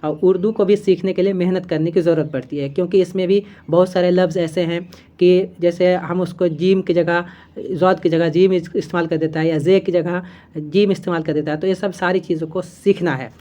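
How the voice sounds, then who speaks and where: Woman, teacher, exam-prep lecture, slightly low pitch, repeats key terms, hesitant fillers. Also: steady tone, brisk, warm tone, highs cut off. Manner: explains step by step, repeats key terms, often checks with "theek hai"; hesitant fillers and self-corrections.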